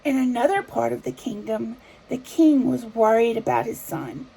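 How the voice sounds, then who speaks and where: A woman storyteller narrating in a measured, simple fairy tale opening manner for small children, with a creaky voice. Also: on the high side, dark tone, rough recording.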